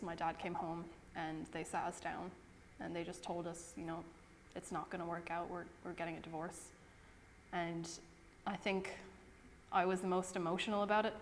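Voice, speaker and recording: Low, flat-voiced young woman. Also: long reverb tail, a little hiss or hum. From Ireland. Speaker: interviewee. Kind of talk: documentary interview.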